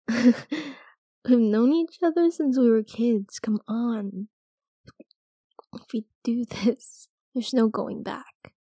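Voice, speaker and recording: A woman's voice: a little high, drawn-out words, warm tone, slightly rough, no room sound, heavily acted. A young woman voicing a cocky, teasing friend's older sister in an audio roleplay, swearing freely and laughing often. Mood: hesitant. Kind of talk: audio roleplay addressing the listener.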